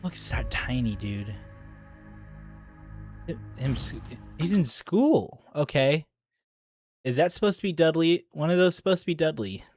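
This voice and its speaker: Excitable man reacting to a trailer. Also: fairly high pitch, a little slow, long pauses, no room sound, faint music behind. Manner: chatty and excitable, frequent ums. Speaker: online video creator. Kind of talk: casual reaction commentary.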